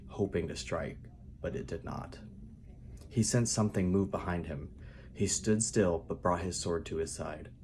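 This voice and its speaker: A man speaking softly and calmly as he reads his own fantasy writing aloud in a quiet narrating style. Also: sits low, slight background noise. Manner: quiet, calm, soft-spoken reading. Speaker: writer reading own novel aloud.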